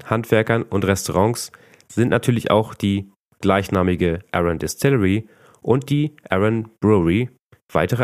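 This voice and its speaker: Calm northern German man narrating. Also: fairly low pitch, no room sound, clean studio sound. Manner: calm, informative reading with slight mumbling. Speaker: podcast host. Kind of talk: scripted narration.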